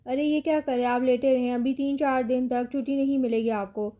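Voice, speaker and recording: A male hospital doctor gives formal, cautious advice, as a woman narrator reads him. The voice stays high and soft, near her own. It is a plain storybook reading. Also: fairly even intonation, natural voice.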